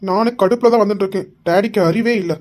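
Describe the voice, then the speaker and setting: A woman performing a quick, bickering comedy skit. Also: mid-range voice, a little mellow. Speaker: sketch actor voicing several young men.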